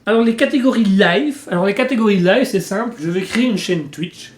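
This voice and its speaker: A man's voice: sits high, a little fast, echoey room, slight background noise. A man hosting his improv channel, explaining it in a rambling, self-mocking, playful way. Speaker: channel host. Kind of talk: comic improv vlog. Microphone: facing the camera.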